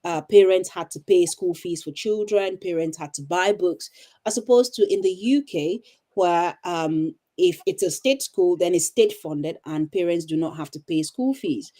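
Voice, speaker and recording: Low, mellow-voiced woman from Cameroon. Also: moderate pace. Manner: thoughtful, with frequent ums and restarts. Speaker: teacher and coach. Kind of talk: casual interview answers. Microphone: video call.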